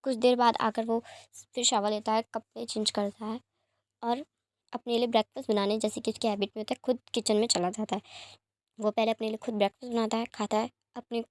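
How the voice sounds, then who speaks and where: A woman's voice: on the high side, darkish tone, dry recording. A woman reading a fan fiction story aloud in plain narration, with small slips and restarts.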